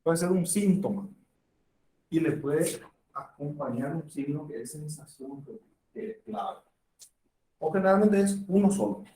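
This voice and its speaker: A man's voice: fairly high pitch, measured pace, pauses often, mellow. Echoey man lecturing medicine. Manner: conversational, acts out patient dialogues. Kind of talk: classroom lecture. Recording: echoey room, far from the mic.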